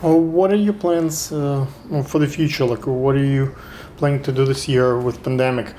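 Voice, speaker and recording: In an echoey room with faint noise, a male interviewer hosts a casual chat, posing long, meandering questions and often stopping to start over. He has a mid-range, dark voice with a steady tone at normal speed.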